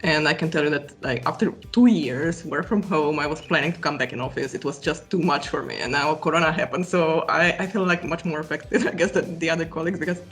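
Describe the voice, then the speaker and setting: A woman's voice: deep voice, fast talker, hardly any pauses, soft background music. A woman from Romania talking candidly about working from home in a casual team meeting. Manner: candid, hesitant. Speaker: team member.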